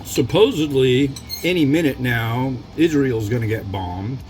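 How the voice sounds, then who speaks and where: A man's voice: medium pitch, a little slow, darkish tone. A man giving a casual, rambling food review as he eats, with a wry, off-the-cuff manner and frequent tangents. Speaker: food reviewer and mukbang host.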